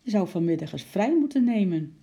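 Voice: medium pitch, very animated, brisk, voice pushed up. A reader as a caring, worried mother. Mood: concerned. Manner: concerned, gentle. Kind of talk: children's audiobook reading.

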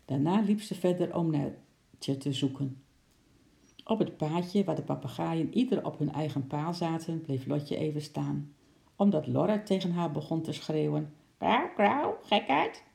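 Brief: children's book narrator, gravelly and mellow, steady delivery. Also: medium pitch, unhurried. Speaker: storyteller. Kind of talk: children's storybook reading.

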